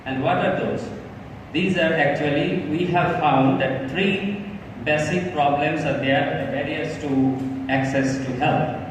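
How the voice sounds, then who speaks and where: A man from Bangladesh giving a live pitch presentation, earnest and halting with frequent fillers. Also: fairly even intonation, background noise. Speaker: startup presenter. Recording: echoey hall from far off.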